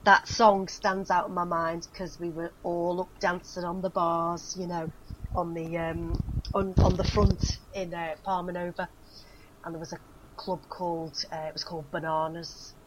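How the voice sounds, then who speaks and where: A woman's voice: on the low side, little pitch movement, moderate pace, background noise. A middle-aged woman being interviewed, chatting and reminiscing with frequent laughs and fillers. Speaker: guest, actress. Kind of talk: casual chat, reminiscing.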